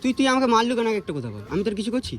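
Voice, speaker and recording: A man's voice: high voice, very animated, very fast. A young man with a West Bengal Bengali accent, a cycling YouTuber filming an angry roadside argument on his phone. He talks in an indignant, insistent way and swears. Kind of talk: heated street confrontation vlog. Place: roadside outdoors near a bridge. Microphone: handheld phone camera. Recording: loud street and traffic noise.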